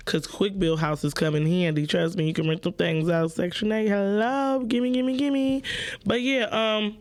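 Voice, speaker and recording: A woman's voice: mid-range voice, steady tone, unhurried, darkish tone. A young woman hosting a casual call-in podcast, talking bluntly and playfully with plenty of profanity, straight to her listeners. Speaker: podcast host.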